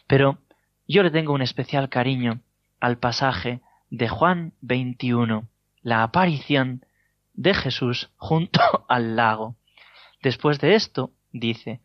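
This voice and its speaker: A Spanish priest delivers a homily in a light, humorous storytelling manner with a Spain accent. His voice sits at a middle pitch. The recording is dull and lo-fi, with a dry, close sound. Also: no echo. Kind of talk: sermon.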